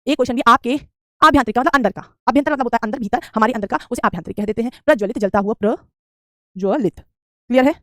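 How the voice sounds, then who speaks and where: Female tutor: quick, drilling delivery, keeps repeating answers, very dry recording. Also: on the high side, fairly bright tone, no echo. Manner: answers student questions, says "beta" often; repeats correct spellings for drill. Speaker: Hindi teacher. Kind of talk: online exam-prep class.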